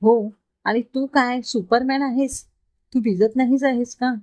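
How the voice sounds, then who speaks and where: Woman doing a quick-tempered young woman, scolding, caring, storybook figure, dry close sound. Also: a little high, steady tone, no room sound, pitched above the performer's own voice, natural voice. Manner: scolding, sharp, raised voice.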